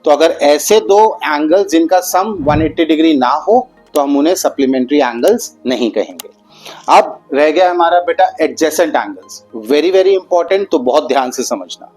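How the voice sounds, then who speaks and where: A man teaching geometry to students, mixing Hindi with English terms. He addresses the students kindly and slowly stretches out the key words. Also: a little high, animated, a little mellow, soft background music, poor audio. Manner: patient, addresses students as "beta". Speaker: math teacher.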